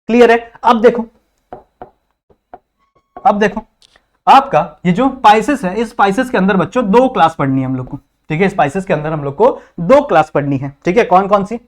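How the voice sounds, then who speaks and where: A man's voice: high-pitched, lively intonation, moderate pace. A young man teaching a biology class, asking rhetorical questions and checking in constantly. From India. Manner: repetitive, quizzing students with constant check-ins. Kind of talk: classroom lecture in Hindi-English mix.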